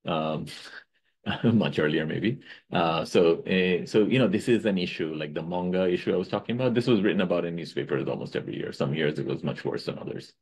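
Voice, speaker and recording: A middle-aged man from Bangladesh, an economics researcher, lectures casually in a webinar over a video call, peppering his talk with "right?" and correcting himself. His voice is low, husky and a little mellow, and the recording is low quality.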